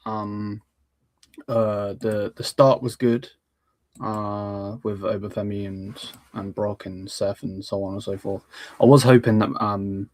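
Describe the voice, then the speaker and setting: Low, flat-toned man, blunt and halting. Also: no echo. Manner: blunt, dismissive, halting with many ums. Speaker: wrestling podcast panellist. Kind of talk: casual show review.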